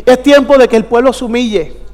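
A man's voice: very high-pitched, steady tone, a little fast, darkish tone, in a large hall. A male pastor preaching emphatically, firing questions at his congregation for them to answer. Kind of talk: preached sermon.

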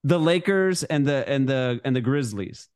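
A man's voice: medium pitch, animated, moderate pace, darkish tone, no echo, clean studio sound. A man co-hosting a sports podcast in casual chat, rambling, often restarting his sentences and laughing. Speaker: podcast co-host.

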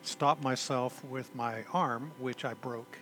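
An older man, a retired army chaplain, telling his story in a halting, self-deprecating way with dry humor. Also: medium pitch, fairly even intonation, sharp tone, soft background music. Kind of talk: conversational storytelling.

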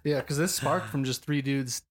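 A man co-hosting a podcast who leads the casual conversation among friends, relaxed and swearing casually. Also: medium pitch, normal speed, breathy edge. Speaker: podcast co-host.

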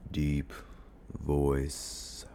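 In a monotone, drawing out his words, a sick young podcast host speaks with a deep, hoarse, dark voice. His casual solo monologue rambles, heavy on fillers and swearing, recorded on a desk mic near a computer at home with slight background noise.

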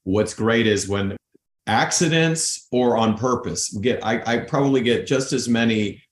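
A man who teaches high school, chatting as a podcast guest in a rambling way, full of restarts and "you know". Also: unhurried, reverberant. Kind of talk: casual interview chat.

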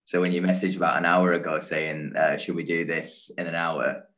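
A hungover man chatting casually on a football podcast with dry, deadpan humour. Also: sits low, fairly quick. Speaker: podcast regular.

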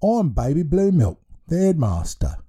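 Man doing a giant baby headmaster, weepy, giggly, high-pitched, husky, storybook voice. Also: sing-song, unhurried, mellow, exaggerated voice. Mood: babyish, weepy. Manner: cries, giggles and burps between lines.

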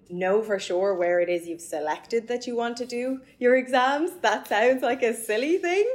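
A young woman from County Mayo with an Irish accent, giving conversational advice as a podcast guest. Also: medium pitch. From County Mayo, Ireland.

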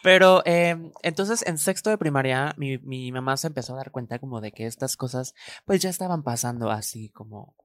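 A young woman with a Mexican accent, co-hosting a casual podcast chat and telling a lively story full of playful slang. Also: a bass voice, normal speed. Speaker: podcast co-host.

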